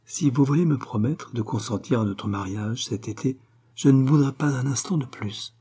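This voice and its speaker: A curt and evasive young fiancé, as a male reader plays him in an audiobook. He answers briefly and sulkily in a mellow, husky, darker voice close to the reader's own. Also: mid-range voice, normal speed.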